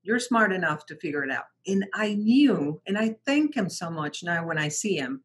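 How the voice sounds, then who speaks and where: In a lowish, slightly rough voice at a moderate pace, the middle-aged founder of a translation company, originally from Mexico with Spanish as her first language, describes her experiences as an interview guest. Restarts and repeated words come often, along with animated quotes of other people.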